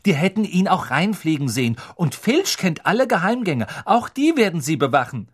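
A clever schoolgirl lays out the facts to her friends, as a man voices her, pitched well above his own voice. She speaks insistently and sounds a touch husky. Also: very animated, moderate pace. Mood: indignant lecturing. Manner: insistent, lecturing. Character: clever know-it-all schoolgirl, earnest.

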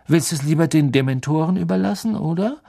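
A man's voice: on the high side, fairly quick, vocal fry, warm tone, pitched above the performer's own voice. A man voicing a spiteful schoolboy who taunts and needles in a sly tone. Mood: taunting. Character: spiteful scheming schoolboy, thin-lipped bully.

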